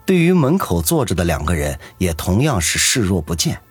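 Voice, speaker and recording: A man narrating a serialized novel with expressive storytelling. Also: low voice, moderate pace, breathy edge, dry recording, soft background music. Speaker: audiobook narrator.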